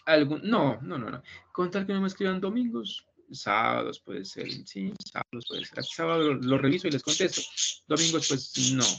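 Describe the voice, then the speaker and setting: A man teaching an online class reassures his students, repeats himself, and keeps checking they follow with "¿listo?". His voice is on the high side, animated and creaky, fairly bright, at normal speed. The video call audio is muffled with faint noise.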